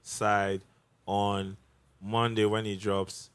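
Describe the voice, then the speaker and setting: A man's voice: lowish voice, little pitch movement, drawn-out words, clear, resonant tone. A man hosting a podcast, announcing in a laid-back way. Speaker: podcast host.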